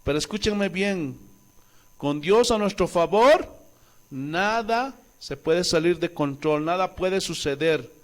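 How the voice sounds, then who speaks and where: A man from Bolivia preaching a sermon with great animation, now and then acting out the voices of the story. His voice sits high and leaps up and down, and his delivery is unhurried. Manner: animated preaching, acts out voices, asks the congregation questions. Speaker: pastor.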